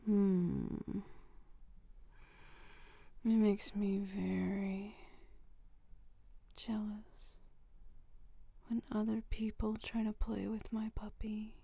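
A woman's voice: mid-range voice, monotone, gravelly, husky, no echo, heavily acted. A woman playing a possessive, whispering lover. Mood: possessive doting. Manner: slow, intimate half-whispering with soft giggles. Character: possessive, jealous, doting female lover. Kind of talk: audio roleplay addressed to the listener.

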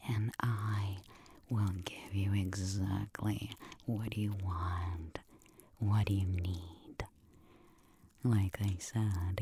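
A woman whispering an ASMR roleplay close to the mic, with a breathy, teasing and dominant way of speaking. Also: extremely low pitch, warm tone, slight background noise. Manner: slow, teasing, dominant murmuring close to the ear.

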